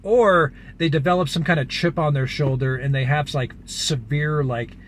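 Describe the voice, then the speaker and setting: A man's voice: fairly high pitch, normal speed, slight background noise. A man, a vlogger from the United States, telling a long story in a casual, rambling way, full of fillers. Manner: rambling, filler-heavy, animated retelling.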